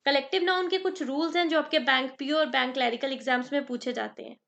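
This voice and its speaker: A woman teaching an exam-prep grammar lesson, slowly dictating examples and asking the viewer questions. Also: high voice, fairly even intonation, gravelly, fairly bright tone, highs cut off. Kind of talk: grammar lesson in Hindi-English mix.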